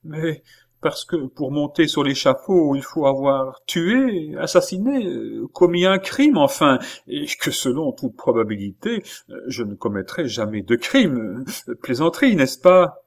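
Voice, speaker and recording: Brief: high, shrill aging countess, plaintive and anxious, put on by a male reader. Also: very animated, a little slow. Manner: shrill, pleading, theatrical. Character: flirtatious aging French countess, anxious under laughter. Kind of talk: audiobook character voice.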